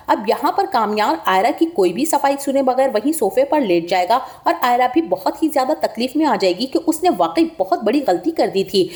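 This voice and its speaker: A woman with a high voice narrates a drama review. She tells the coming plot steadily, like a prepared script, and repeats what the characters will say in the same plain tone without acting them out. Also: darkish tone.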